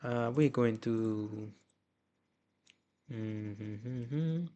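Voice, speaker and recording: A man's voice: lowish voice, dark tone, highs cut off. A man with a Russian accent, talking through a live coding session and muttering to himself as he fixes errors. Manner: muttering to himself with halting restarts. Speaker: coding streamer.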